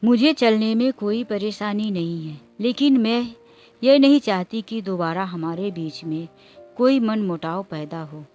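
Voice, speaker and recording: A woman's voice: medium pitch, unhurried, muffled recording, soft background music, lightly acted. Give me a stubborn young wife speaking sharply, as a woman reads her in a storybook. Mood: angry. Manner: indignant, sharp.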